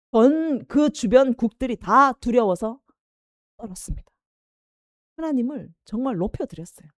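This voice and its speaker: Animated woman preaching a sermon. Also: on the high side, no echo, studio quality. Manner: animated preaching, acting out quoted voices of the people. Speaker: pastor. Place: church.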